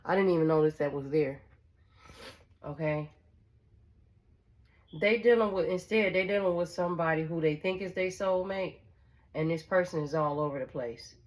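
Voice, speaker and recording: A woman with a notably low voice reads tarot in a loose, conversational way. She talks bluntly and swears without hesitation. She circles back over her own phrases and keeps checking in with her listener. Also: moderate pace, pauses often. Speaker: tarot reader. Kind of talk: casual tarot reading to viewers.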